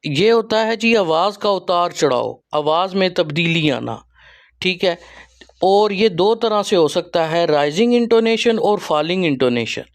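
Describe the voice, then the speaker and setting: Pakistani-accented male trainer, high voice, unhurried explainer with many pauses. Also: expressive. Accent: Pakistani Urdu. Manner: explanatory, with frequent pauses and fillers. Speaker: teacher trainer and channel host. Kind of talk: explaining training material to teachers.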